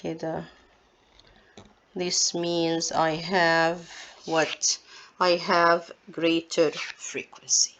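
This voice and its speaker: A woman's voice: lowish voice, completely flat delivery, very slow, long pauses, fairly bright tone. A woman teaching science, walking through exam answers step by step and asking her students rhetorical questions. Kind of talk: exam walkthrough lesson.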